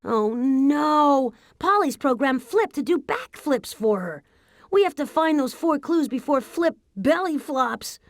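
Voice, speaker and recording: A woman's voice: high voice, lively intonation, slow pace, no room sound, clean studio sound. A woman voicing an eager, cheerful little robot who guides the player through an educational game. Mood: upbeat. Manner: upbeat, instructive. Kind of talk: 1990s educational game voice acting.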